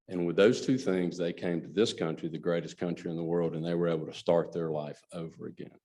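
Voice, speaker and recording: Low in pitch and a little mellow, this middle-aged company president from Alabama delivers an earnest luncheon speech as a guest speaker. He shares stories sincerely and talks straight to the people in the room.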